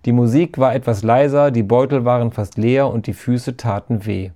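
A man reading a children's story aloud, steady and lively. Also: medium pitch, moderate pace. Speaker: narrator. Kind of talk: storybook narration.

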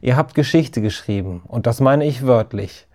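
A man voicing an excitable, loud female teacher in a storybook reading, shrill and effusive. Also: normal speed, natural voice. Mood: proud.

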